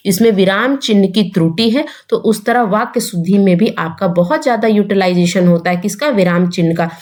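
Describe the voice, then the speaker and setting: A woman's voice: mid-range voice, a little mellow. A young woman teaching an exam-prep grammar lesson, explaining step by step and asking rhetorical questions.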